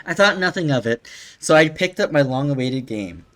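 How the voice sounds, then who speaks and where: A man's voice: fairly high pitch, lively intonation, normal speed, fairly bright tone. A young man reading a silly internet story aloud, often breaking into laughter.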